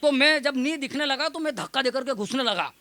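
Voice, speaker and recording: A man's voice: extremely high pitch, lively intonation, a little fast, sharp tone. A young man, a comic poet, telling self-mocking stories and teasing a live audience from the stage. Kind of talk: stage comedy storytelling.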